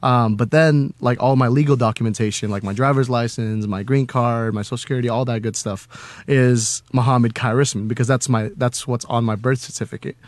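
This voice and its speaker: A man's voice: mid-range voice, steady tone, brisk, no echo. A young man from Indonesia, a college student and slam poet, chatting casually as a radio guest with lots of fillers and laughs. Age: young adult. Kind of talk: casual interview chat. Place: radio studio.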